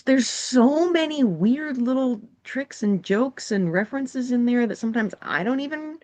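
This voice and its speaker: A guest game designer from New England, a woman with a fairly high pitch and darkish tone, tells stories in casual conversation. She rambles along with lots of fillers.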